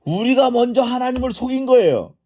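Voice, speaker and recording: A man's voice: very high-pitched, expressive, fairly quick, dark tone. A middle-aged man preaching an expository sermon as pastor, asking the congregation questions and answering them himself, and acting out quoted prayers. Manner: acts out quoted prayers and speech.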